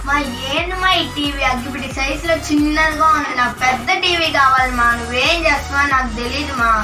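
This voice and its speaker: An actress playing a spoiled daughter who nags petulantly. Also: female voice, sits high, quick pace, natural voice. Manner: nagging, petulant. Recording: echoey room, distant mic, music.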